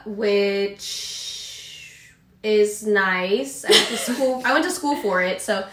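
A young woman guest chatting casually and telling animated, giggly, self-mocking stories, saying "like" very often and acting out quotes. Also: medium pitch, slow pace, background noise. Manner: says like a lot. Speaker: podcast guest. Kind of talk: casual chat, animated storytelling. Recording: echoey room.

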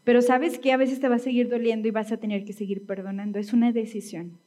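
A woman's voice: a little high, flat delivery, quick pace, dark tone. Chatty woman pastor. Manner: conversational preaching with frequent tag questions. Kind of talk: sermon.

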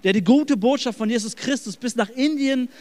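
Man, preacher, high voice, casual sermon, lively asides, church streamed online. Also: moderate pace. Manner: lively, acts out quotes with asides. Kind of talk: casual youth-style sermon.

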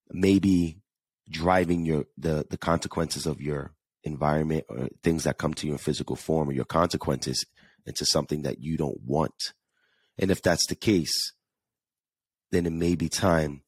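A man's voice: rumbling low, gravelly, slightly rough, dry recording. A man with a New York–New Jersey accent, hosting a casual solo podcast and talking earnestly, often repeating words as he goes. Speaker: podcast host.

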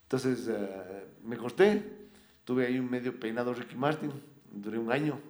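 A middle-aged man, a podcast guest chatting casually and telling rambling stories with lively swings in pitch. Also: normal speed. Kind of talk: casual chat.

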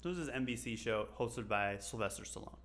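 With crowd noise around him, a Las Vegas local co-hosts a casual podcast, rambling and joking with frequent laughs. His medium-pitched voice is expressive and moves at a quick pace.

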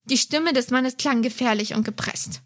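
A woman's voice: on the high side, moderate pace, lightly acted. A woman voicing a suspicious, threatening male blackmailer with a pressed, dangerous voice. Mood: menacing.

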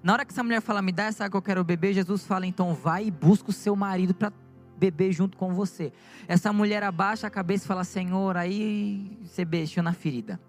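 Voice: medium pitch, fast talker, faint music behind. A preacher with a Brazilian Portuguese accent, retelling a Bible story in vivid everyday speech before building to fervent exhortation in a sermon.

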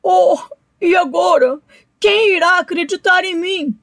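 A woman's voice: extremely high pitch, little pitch movement, unhurried, no room sound, pitched above the performer's own voice. A woman voicing a sly, boastful male alligator in a storybook, crying out in pain and pleading for help. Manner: whiny, squealing, pleading.

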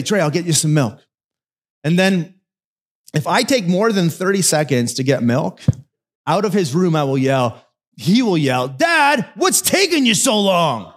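Pastor, male, fairly high voice, relaxed sermon delivery with jokey asides. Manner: conversational storytelling, joking asides.

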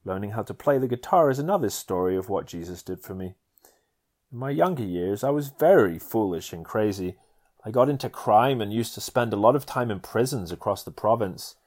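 A man's voice: lowish voice, lively intonation, brisk, darkish tone. A man from Canada reading a chapter of his memoir aloud, earnest and testimonial. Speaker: narrator.

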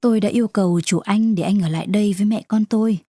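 A woman voicing a gentle, kind noble mother who speaks in a soft, soothing way. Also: medium pitch, fast talker, dry recording, studio quality, natural voice.

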